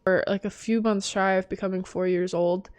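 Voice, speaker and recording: A woman's voice: mid-range voice, steady tone, normal speed, smooth, dry recording. A tired young woman chatting casually through a quiz, giggly and self-mocking. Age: young adult. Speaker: vlogger. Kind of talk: casual chat doing a quiz.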